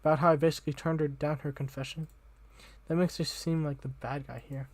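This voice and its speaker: A man's voice: on the high side, flat delivery, a little fast, dry recording. A young man reading a visual novel aloud as the channel host, casual and slangy, tripping over words now and then.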